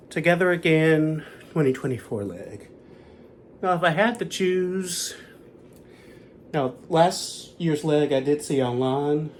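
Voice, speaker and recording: A man's voice: mid-range voice, a little mellow, slight background noise. A man in his thirties giving a chatty, rambling recap of a concert he went to. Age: 30s. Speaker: concert vlogger. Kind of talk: casual chat.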